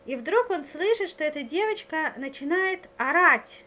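High-voiced woman giving a spiritual lecture. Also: animated, moderate pace, sharp tone, dull audio. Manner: earnest, often asks listeners if they follow; hesitant with frequent filler sounds. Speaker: religious lecturer.

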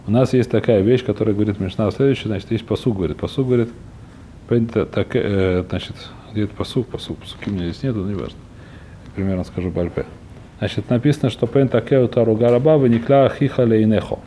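A man gives an informal Talmud lesson at a quick clip in a mellow, fairly low voice. He repeats himself and hunts for words as he explains. The recording has a faint rumbling noise behind him. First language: not a fully fluent Russian speaker by own account. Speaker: religious teacher.

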